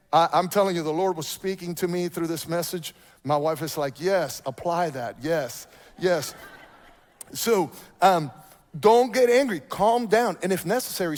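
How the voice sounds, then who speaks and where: High-voiced man preaching in a reverberant hall. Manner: animated preaching with repeated key points. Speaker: pastor. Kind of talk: sermon. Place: church sanctuary.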